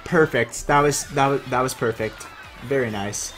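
A young man live-streaming a game, chatting casually, thanking viewers and reading the chat aloud in an excitable way. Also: mid-range voice, moderate pace, soft background music.

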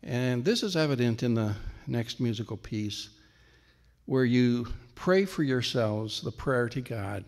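Guy announcing the next number at church, slow and stumbly, long hall echo. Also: mid-range voice, animated, darkish tone. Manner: halting, with many fillers and restarts. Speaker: program announcer.

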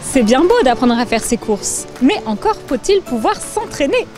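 A young woman presenting with a clear, lively teaching delivery, recorded outdoors on a handheld mic. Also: high voice, moderate pace, faint music behind. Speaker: host. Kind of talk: scripted presenting and role-play.

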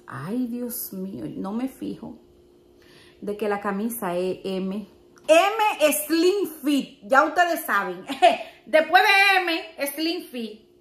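A young Dominican woman with a high-pitched voice and a Dominican Spanish accent tells a story on her vlog. She talks in a chatty, animated, exclamatory way and acts out the voices she quotes. She is recorded in an echoey room at home. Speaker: vlogger.

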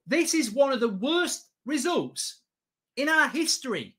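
A man's voice: very high-pitched, sing-song, measured pace, a bit bright. A man, reacting live to a football match as a watchalong host, exasperated, emphatic, repetitive and sweary. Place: small indoor studio set at a desk.

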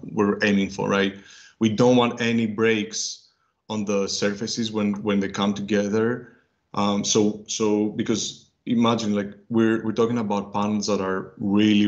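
A man giving a technical workshop presentation, halting and full of fillers and restarts. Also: lowish voice, muffled recording. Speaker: workshop speaker. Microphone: video call.

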